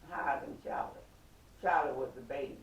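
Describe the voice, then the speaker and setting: An older woman, slowly telling family stories and laughing often as she remembers. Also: very deep voice. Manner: slow, laughing reminiscence. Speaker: interviewee. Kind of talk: family storytelling. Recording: echoey room, distant mic, faint hiss.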